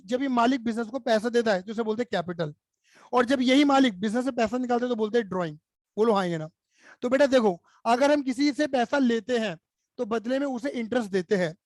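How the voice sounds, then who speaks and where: A man's voice: extremely high pitch, dry recording. A man teaching accountancy in Hindi-accented speech, explaining playfully and acting out little skits and chants for students. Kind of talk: energetic classroom explanation.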